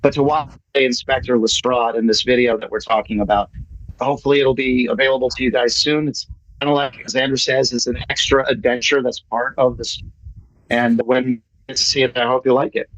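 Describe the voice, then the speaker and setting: Presenting his play at an online meeting, an American playwright chats in a jokey, enthusiastic, casual way. His mid-range voice is steady, fairly quick and fairly bright. The meeting audio comes through muffled and lo-fi.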